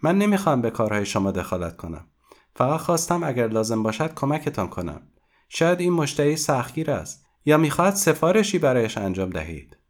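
A man's voice: mid-range voice, sing-song, pitched above the performer's own voice, close to an everyday voice. A man reading a story aloud and voicing a stout, fussy old servant woman in a raised, meddlesome tone.

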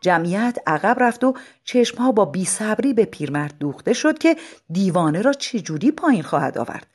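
Measured storyteller reading aloud. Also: medium pitch, big pitch swings, a little mellow, faint music behind. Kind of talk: scripted story narration.

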